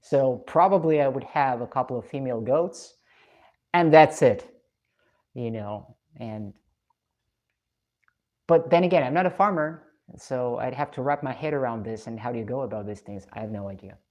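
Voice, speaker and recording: A woman's voice: extremely low pitch, normal speed, darkish tone. A woman from Russia, chatting casually on a live stream and reading out comments. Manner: chatty, reflective, laughs often.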